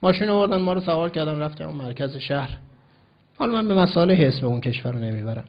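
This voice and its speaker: A man from Iran preaches a storytelling sermon in a fairly high voice. He is emphatic and acts out each quoted line. The recording sounds dull and lo-fi. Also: lively intonation. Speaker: cleric preacher.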